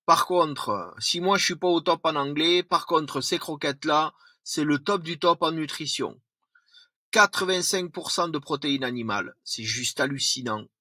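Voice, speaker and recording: Slow-talking bright-voiced man. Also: on the high side, no echo. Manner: reads a list of points with slips and self-corrections. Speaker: product reviewer. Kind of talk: product review vlog.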